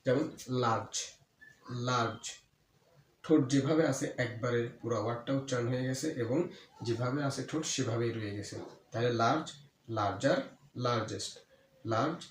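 A man's voice: medium pitch, moderate pace, long pauses. Male grammar teacher, patient and repetitive, asks and answers his own questions; echoey room, faint hiss. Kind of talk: explanatory grammar lesson.

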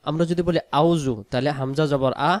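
A man teaching Quran pronunciation, quickly spelling out letters and vowels, then reciting the words slowly and drawn out. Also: mid-range voice, a little mellow, no room sound, studio quality. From Bangladesh. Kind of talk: pronunciation lesson.

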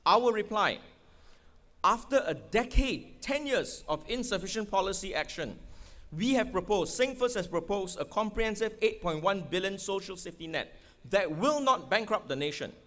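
With a high-pitched, expressive voice that sounds pushed and bright, a middle-aged man with a Singaporean accent talks at normal speed. He is a political candidate giving an emphatic election rally speech at a podium microphone on an outdoor stadium stage, firing rhetorical questions at the crowd.

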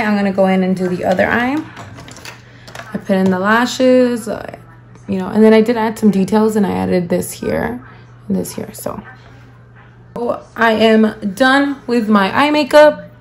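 A young adult beauty vlogger with a slightly high voice chats casually and playfully, at a measured pace, while doing her makeup in a room at home. She talks partly to the camera and partly to herself, with faint music in the background.

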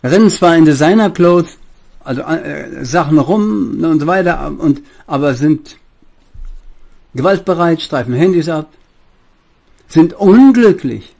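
An older man giving a preachy monologue, addressing his listeners fondly and speaking with a slightly husky voice. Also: on the high side, a little slow, long pauses. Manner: preachy, lively, addresses listeners as "meine Lieben". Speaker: spiritual speaker and author.

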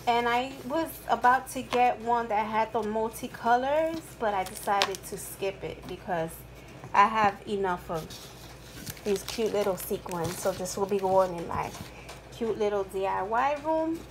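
A middle-aged woman, off-screen, narrating a shopping haul in a slow, chatty, upbeat way, recorded at home on a camera mic. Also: medium pitch. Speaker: haul vlogger. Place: indoors at home, rain outside. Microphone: camera mic, off-screen, hands in frame. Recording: rain noise in background.

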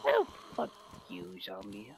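A man's voice: lowish voice, huge pitch swings, slow, background noise. A man playing a survival game, chatting in voice chat in a joking, jumpy way and swearing casually. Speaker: gamer streamer.

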